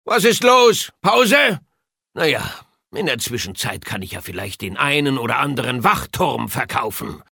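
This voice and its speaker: Scheming fantasy game character, mock-dramatic, bouncing intonation, sharp gravelly edge, excitable. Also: male voice, medium pitch, moderate pace, no room sound, clean studio sound, heavily acted. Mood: wry, idle. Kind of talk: comic video game character acting.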